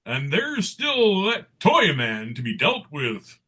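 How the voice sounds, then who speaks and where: A man playing a jolly, take-charge Santa Claus in a live comic book read, theatrical and raspy. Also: a little high, huge pitch swings, slow, bright, forceful tone, heavily acted. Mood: commanding. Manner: theatrical, declamatory. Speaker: performer in a dramatic comic book table read.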